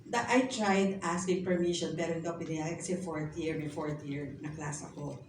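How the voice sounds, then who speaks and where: A woman's voice: sits low, fairly even intonation, moderate pace. A middle-aged woman shares her personal testimony as a pastor's wife, talking in a chatty, polite way and slipping English phrases into her speech. She sounds set back from the microphone in an echoey room, with a faint hiss underneath. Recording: echoey room, mic at a distance, faint noise.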